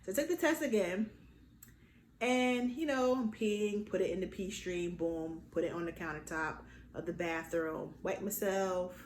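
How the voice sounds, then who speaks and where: A young adult woman telling a personal story in a casual vlog, lively and acting out the quotes. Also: a little slow. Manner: animated, acts out quotes with big pitch jumps. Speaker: vlogger. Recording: echoey room with faint noise.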